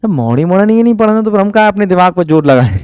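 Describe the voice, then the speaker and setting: Male teacher from India. High, smooth voice. Fires questions at the class and answers them himself. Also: lively intonation, racing, darkish tone, dry recording, studio quality. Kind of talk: exam-prep lecture.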